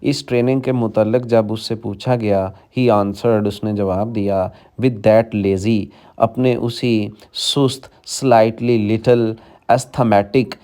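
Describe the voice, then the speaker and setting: A man teaching English in a bilingual lecture, reading the text slowly and explaining it in Urdu to his students. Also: lowish voice, steady tone, warm tone. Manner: reads English slowly word by word, then explains quickly in Urdu; addresses students directly as children.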